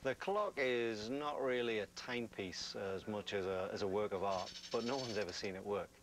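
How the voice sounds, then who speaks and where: A man managing a ship refit project, speaking brisk and matter-of-fact. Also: on the low side. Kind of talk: documentary interview and meeting talk. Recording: documentary audio with loud music bed.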